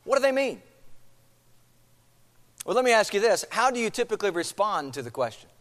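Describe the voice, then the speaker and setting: Male pastor with a high voice, conversational sermon, long church hall reverb. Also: sing-song, a little fast, a bit bright. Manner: conversational, poses questions to the congregation. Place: church sanctuary.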